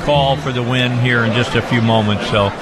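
A man's voice: medium pitch, steady tone, fairly quick, low-quality recording. A man in his sixties, a radio host giving confident, casual commentary on election night results. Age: 60s. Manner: confident, talks over others. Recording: loud music and crowd behind.

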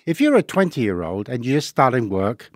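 A man's voice: medium pitch, sing-song, normal speed, dry recording, studio quality. Patient middle-aged man from Hong Kong. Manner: patient, explains step by step with worked examples. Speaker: investing guest. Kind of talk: podcast interview.

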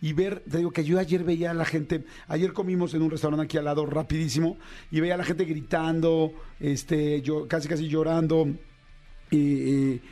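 Mexican male host, high-pitched, heated, rambling, casual. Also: flat delivery, normal speed, warm tone, faint music behind. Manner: passionate, rambling, full of slang and repeated words. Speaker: podcast host. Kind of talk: casual chat.

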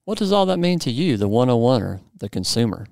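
A man's voice: mid-range voice, very animated, fast, creaky, a little mellow, no echo, clean studio sound. A man in his forties hosting a podcast, explaining in an upbeat, playful way and interviewing a guest. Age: 40s. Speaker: podcast host.

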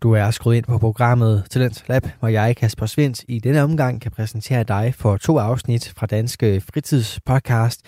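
A man's voice: mid-range voice, few pauses, mellow, dry recording. A man presenting a radio show and introducing a podcast segment.

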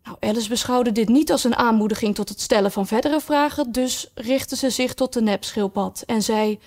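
A woman narrating a storybook in a calm, measured way. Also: on the high side. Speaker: audiobook reader.

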